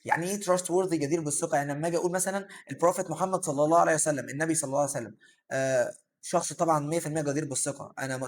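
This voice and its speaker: Fast-talking Egyptian male teacher. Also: fairly high pitch. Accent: Egyptian Arabic. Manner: explains terms and asks himself questions, fillers like "aah". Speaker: English teacher. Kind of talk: vocabulary lesson for secondary students.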